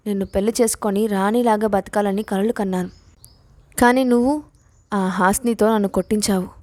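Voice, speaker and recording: A woman's voice: medium pitch, steady tone, normal speed, warm tone, no echo, close to an everyday voice. A woman voicing a jealous, vengeful young woman in an audio story, with bitter, scheming speech.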